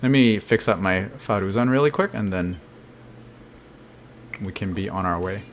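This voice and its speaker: A man's voice: deep voice, moderate pace, a little hiss or hum. A man streaming a game, thinking aloud casually and answering chat questions. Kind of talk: live gameplay commentary.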